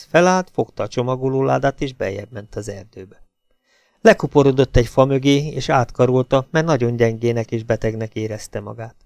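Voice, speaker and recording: A male audiobook narrator reads a suspense novel aloud at a steady, measured pace. His mid-pitched voice carries a gravelly fry, and the scripted narration is recorded dry and close with no room echo.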